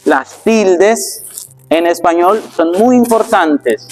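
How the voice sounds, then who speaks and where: A priest, teaching a workshop for church readers and often checking in with rhetorical questions. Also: male voice, high-pitched, slow pace, darkish tone, faint music behind. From Colombia. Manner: explanatory, asks the audience rhetorical questions.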